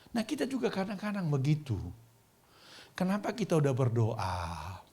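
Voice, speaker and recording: A man's voice: a little high, sing-song, moderate pace, gravelly, dark tone, breathy edge. A male pastor preaching a sermon at a church service in a colloquial way, asking the congregation rhetorical questions.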